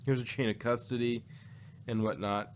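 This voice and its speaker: This man co-hosts a review show on audio dramas and talks in a loose, casual way, wandering and echoing his own phrases. He speaks at normal speed in a mid-range voice with fairly even intonation, and background noise is clearly audible.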